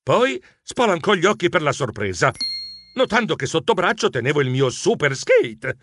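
Audiobook narrator: man, playful, expressive, slightly high. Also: moderate pace, slightly rough. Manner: animated, playful storytelling.

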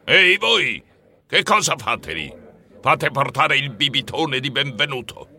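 A man voicing a menacing male rat pirate innkeeper who roars his threats in a gruff, gravelly voice. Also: medium pitch, very animated, a little slow, bright, forceful tone, full character voice. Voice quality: gravelly, growling. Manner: roaring and threatening. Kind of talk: audiobook character voice.

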